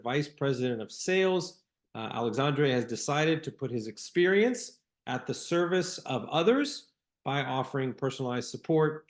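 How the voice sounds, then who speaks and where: A man opening a business webinar with a polished, welcoming introduction of the guest. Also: mid-range voice. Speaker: webinar host. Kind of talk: formal introduction.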